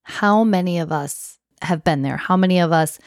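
Lowish-voiced woman co-host, earnest. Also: normal speed, no room sound, clean studio sound. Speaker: podcast co-host. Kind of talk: casual faith podcast chat.

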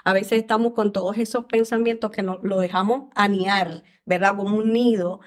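A woman's voice: mid-range voice, steady tone, normal speed. A woman in a devotional podcast discussion who fills her speech with tag questions and fillers while urging confession. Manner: tag questions and fillers, repeatedly saying "¿verdad?" and "este".

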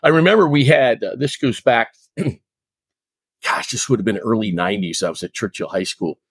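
A man's voice: fairly low pitch, normal speed, breathy edge, dry recording. A middle-aged man, a coach and mentor, speaking earnestly in an interview, stressing points with repetition. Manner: earnest, emphatic, repeating for weight. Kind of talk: interview storytelling.

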